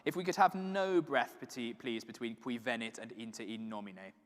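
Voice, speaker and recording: A man leading a choir rehearsal, giving brisk, encouraging directions and now and then singing a phrase to show how it should go. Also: medium pitch. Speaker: choir conductor. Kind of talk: rehearsal instruction. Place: large reverberant rehearsal space. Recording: distant voice in a reverberant hall, piano.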